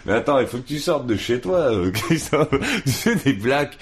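A man's voice: mid-range voice, animated, normal speed. A man calling in over the phone to a radio debate, blunt and slangy, laughing at his own points. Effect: heard over the phone.

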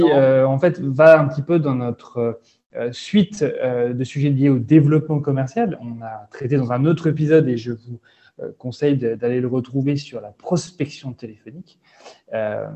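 A man's voice: mid-range voice, mellow, lo-fi sound. A man hosting a podcast interview, talking with many hesitations and fillers. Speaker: podcast host.

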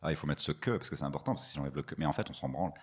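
A man's voice: very fast, breathy edge. A man who does stand-up, chatting casually in an interview, slangy and laid-back, rambling as he goes. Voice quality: very deep voice. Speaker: stand-up comedian.

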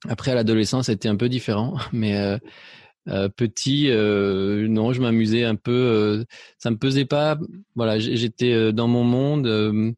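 Speaking hesitantly in a reflective personal interview, a middle-aged Spaniard with a mixed French accent and a slight Belgian lilt fills his story of his life with fillers and restarts. His lowish voice is a little mellow, steady in tone and moderately paced, in clean studio sound without room sound.

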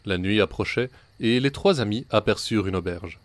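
A man with a low-pitched voice narrates old folk tales. His delivery is measured and deliberate, the pace of a practiced storyteller. Now and then he slips into the voices of his characters. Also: no room sound.

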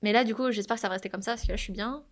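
Chatty young Frenchwoman, relaxed. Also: a little high, rapid-fire. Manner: relaxed, talkative, laughs often. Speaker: guest. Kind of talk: casual chat.

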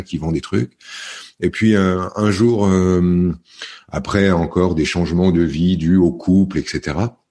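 A middle-aged man from France, a podcast guest, telling his story in casual interview talk, halting often with fillers and restarts. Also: low voice, dark tone.

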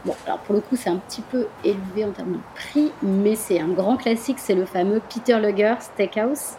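Woman from marseille chatting as a guest, lively, laughs a lot, lots of "euh", middle pitch. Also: normal speed, slight background noise. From Marseille, France. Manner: animated, laughs often, hesitant fillers. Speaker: guest, tour company owner. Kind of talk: casual interview chat.

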